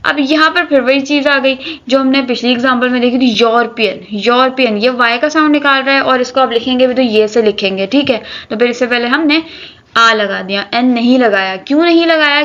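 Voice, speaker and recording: A woman's voice: fairly high pitch, a bit bright. Lo-fi woman teaching English grammar. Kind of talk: grammar lesson explaining articles. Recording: dull lo-fi recording.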